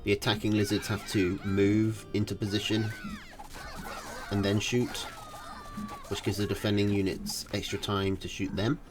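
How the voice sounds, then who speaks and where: A man's voice: lowish voice, flat delivery, moderate pace, over music. A man casting a live strategy game tournament, casual and analytical, thinking aloud with fillers. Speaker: tournament caster.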